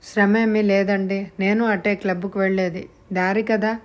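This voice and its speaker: A brooding, remorseful rich young man from a spoken storybook, as a woman narrator puts him on. He speaks politely and earnestly, his tone plain and measured. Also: high-pitched, flat delivery, close to an everyday voice.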